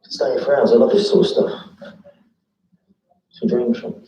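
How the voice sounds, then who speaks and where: A man in his fifties talks in a blunt, wry, plain-spoken way. His voice is mellow and dark, recorded from a distance with an echo and birdsong behind him. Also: mid-range voice, animated, moderate pace. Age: 50s. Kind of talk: documentary interview.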